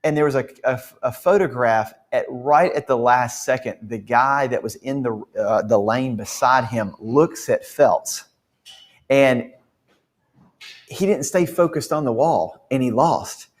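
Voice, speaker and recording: Speaking at a medium pitch and an unhurried pace, a man delivers a faith-rooted pep talk to his company staff. His storytelling is sincere and lively, with frequent false starts.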